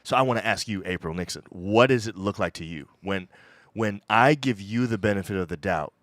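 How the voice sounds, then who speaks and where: A man's voice: fairly low pitch, a little fast, a bit bright, dry recording. A man co-hosting a casual chat, asking probing questions in a teasing way. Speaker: co-host.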